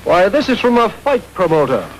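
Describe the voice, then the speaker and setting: An actor playing a male police detective in a 1930s radio drama, with a quick, commanding manner. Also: sits high, big pitch swings, a little hiss or hum, poor audio.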